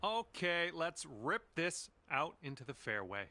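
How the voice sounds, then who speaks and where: A man giving calm, casual play-by-play commentary on a round of golf, with quiet low-key asides between shots. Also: a little slow, a little hiss or hum.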